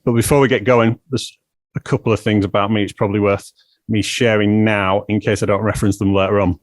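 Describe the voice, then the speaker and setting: British guy in his 40s hosting a pod, lowish voice, dead dry sound, open and reflective. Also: no echo. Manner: candid, reflective storytelling. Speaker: podcast host. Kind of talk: conversational podcast intro and interview.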